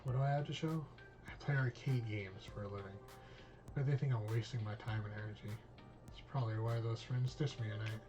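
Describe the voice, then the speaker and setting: A streamer reading a visual novel aloud, voicing all parts in a casual, cursing manner. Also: male voice, on the low side, steady tone, brisk, music in the background. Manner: casual, reads all parts, drops in swear words.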